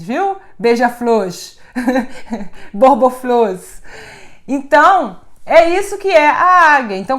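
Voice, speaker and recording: Woman, high voice, chatty live-stream spiritual teacher, laughs a lot, phone mic. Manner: chatty, laughs often, addresses viewers by name.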